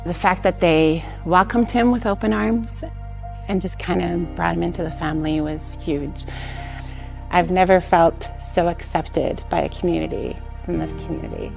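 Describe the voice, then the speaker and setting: A woman's voice: fairly low pitch, fairly even intonation, moderate pace, gravelly. A woman in her forties, originally from Hungary, speaking frankly in a gym-member testimonial. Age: 40s. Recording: music underneath.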